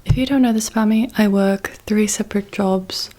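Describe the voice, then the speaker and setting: A woman's voice: mid-range voice, steady tone, brisk, mellow. A young woman chatting casually and self-deprecatingly about her collection, recorded on a dedicated microphone in a large, echoey bedroom. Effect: big room echo. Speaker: vlogger. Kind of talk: casual chat. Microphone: dedicated microphone, not a phone.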